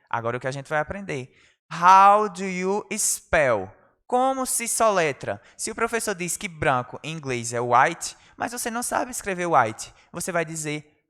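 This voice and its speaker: A Brazilian man teaching an online school English lesson, explaining in Portuguese and saying each English phrase slowly and clearly for pupils to repeat. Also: high voice, a bit bright, in a large hall.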